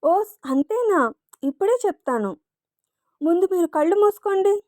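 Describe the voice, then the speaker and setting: A woman's voice: very high voice, animated, moderate pace, a little mellow, no echo, clean studio sound, voice pushed up. A woman voicing a shy, flustered young woman in love, in a read-aloud romance story.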